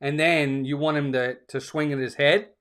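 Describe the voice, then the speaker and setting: A man's voice: a little high, fairly even intonation, normal speed, fairly bright tone. A man hosting a fan stream, calling play-by-play and answering viewers' chat directly, often repeating himself for emphasis. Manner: talks straight to viewers, scolds trolls, repeats himself for emphasis. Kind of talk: live play-by-play commentary mixed with replies to chat.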